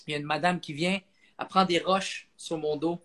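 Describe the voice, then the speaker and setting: A man's voice: on the high side, brisk. A man with a Québécois French accent, a comedian telling a story on a live stream and acting out the people in it. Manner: animated, acts out voices.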